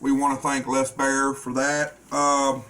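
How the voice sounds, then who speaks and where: A man's voice: medium pitch, monotone, unhurried, fairly bright tone. A man with a Southern US accent and drawl, chatting casually as a podcast co-host. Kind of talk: casual chat.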